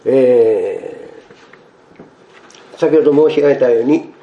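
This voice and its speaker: A male pastor preaching a sermon to his congregation, expressive and acting out the quoted speech. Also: medium pitch, slow, reverberant, dull audio.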